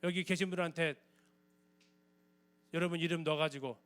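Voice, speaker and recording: A man's voice: fairly high pitch, steady tone, moderate pace, a bit bright, clear, resonant tone. A man giving a church Bible lecture, explaining in a conversational way and often asking the audience questions.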